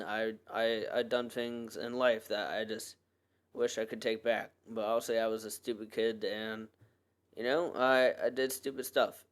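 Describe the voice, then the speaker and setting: A young man speaks in a personal podcast monologue at a middle pitch, earnest and rambling. He starts over often and leans on many fillers as he talks. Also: smooth. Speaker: podcast host.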